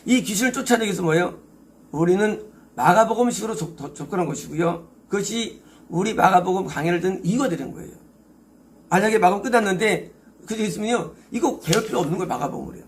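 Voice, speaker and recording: A man's voice: sits high, vocal fry. A male pastor preaching an expository sermon, emphatic, asking rhetorical questions and answering them himself.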